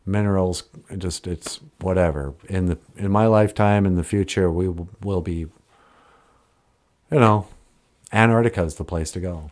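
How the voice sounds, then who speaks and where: A man on a livestream answers his chat in a rambling way, often trailing off and correcting himself mid-sentence. His voice is deep and a little mellow, and he speaks at a moderate pace.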